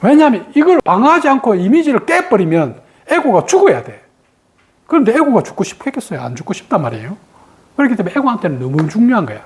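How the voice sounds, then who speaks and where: Lively woman meditation teacher. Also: medium pitch. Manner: lively, acts out the ego's sudden "no!" with sharp jumps. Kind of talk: meditation dharma talk.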